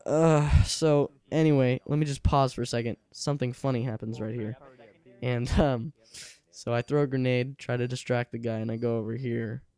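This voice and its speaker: A man's voice: mid-range voice, fairly even intonation, a little fast, a little mellow. A teenage young man chatting casually over gameplay at home, rambling and laughing often. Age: late teens. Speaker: gaming channel host. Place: alone at home by his computer.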